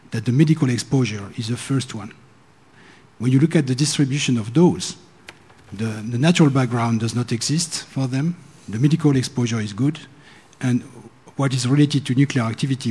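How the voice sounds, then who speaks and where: A man making a measured, earnest comment from the floor at a conference. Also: mid-range voice, a little mellow, slightly rough. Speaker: commissioner speaking from the floor. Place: conference hall.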